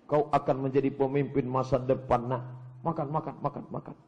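A man putting on a softly coaxing mother. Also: medium pitch, little pitch movement, very fast, highs cut off, close to an everyday voice. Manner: soft, hushed coaxing. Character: doting mother coaxing her child to eat.

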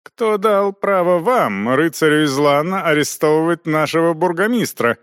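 A man's voice: on the high side, expressive, a bit bright, clean tone, no echo, studio quality, pitched above the performer's own voice. A man voicing a cold old council head. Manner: cold, grudging, deliberate. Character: cold grey-bearded older male council head.

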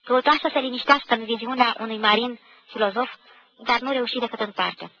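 A woman giving a measured, expressive literary reading of a novel for radio. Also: a little high. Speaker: reader of a novel. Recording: dull lo-fi 1990 radio recording.

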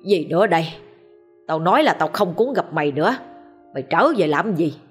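A woman's voice: sits low, animated, a little fast, faint music behind. A woman voicing a bitter, bullying old landowner who scolds harshly. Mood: raging scorn.

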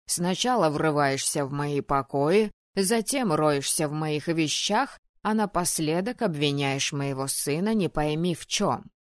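A woman's voice: low voice, lively intonation, a little slow, hardly any pauses, dry recording, clean studio sound, voice pushed down. A woman voicing a grumpy, stooped old male ghost with a scratchy voice, scolding in an audiobook. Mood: stern. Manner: stern, scolding. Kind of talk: audiobook narration.

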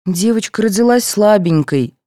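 A woman voicing a soft, indulgent mother who fusses and apologizes for her children in an audiobook. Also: medium pitch, animated, moderate pace, no room sound, studio quality, close to an everyday voice. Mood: fussing. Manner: fussing, apologetic.

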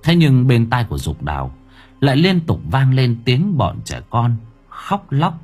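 A male narrator tells a horror story with a husky, slightly breathy voice that rises and falls with lively, animated pitch. His delivery is dramatic and expressive, and soft music plays quietly behind him. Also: unhurried. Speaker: audiobook narrator.

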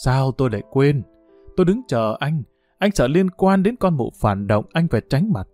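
A man's voice: mid-range voice, sing-song, moderate pace, darkish tone, soft background music, close to an everyday voice. A man reading the lines of a bitter, wounded older mother who speaks reproachfully.

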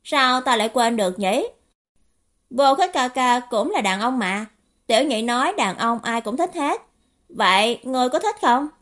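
A woman voicing a playful, mischievous young man in an audiobook, with bright teasing exclamations. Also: sits high, lively intonation, normal speed, voice pushed up. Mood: cheeky excited. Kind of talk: audiobook character voice.

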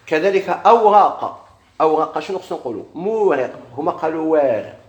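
A man with a Moroccan Arabic accent teaching a classroom grammar lesson. He keeps quizzing his students and slowly draws out each example word. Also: on the high side, animated, darkish tone, echoey room, dull audio.

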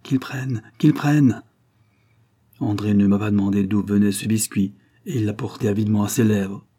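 Male audiobook narrator, low-voiced, husky, measured literary reading. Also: level tone, dark tone.

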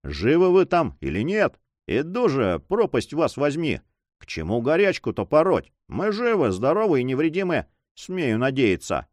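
A man's voice: fairly high pitch, very animated, moderate pace, darkish tone, no room sound, pitched above the performer's own voice. A man voicing a grumbling, sleepy male servant who talks bluntly and exclaims a lot. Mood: exclaiming.

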